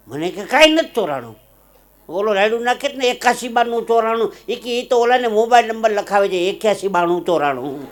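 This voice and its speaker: High-voiced man telling jokes on stage. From Gujarat, India. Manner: lively joke-telling, acting out characters with loud high voices. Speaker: comedian. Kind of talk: live stand-up storytelling. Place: live stage show with audience.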